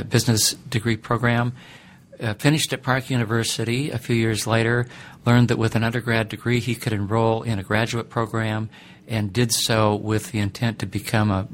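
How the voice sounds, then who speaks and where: A middle-aged man who teaches ethics, answering interview questions in a thoughtful, deliberate way with many pauses. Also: on the low side, a little hiss or hum.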